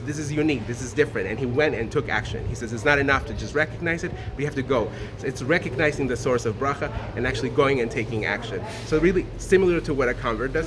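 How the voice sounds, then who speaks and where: Earnest man from Honduras, noisy street. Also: medium pitch. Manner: earnest, with many fillers and restarts. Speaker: guest speaker sharing a Torah thought. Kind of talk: informal short talk.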